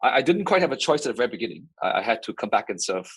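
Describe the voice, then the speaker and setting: A man in his forties, a company founder and CEO, answering interview questions in a measured way, with frequent fillers and "right?" tags. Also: mid-range voice, big pitch swings, breathy edge, rough recording. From Singapore. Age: 40s.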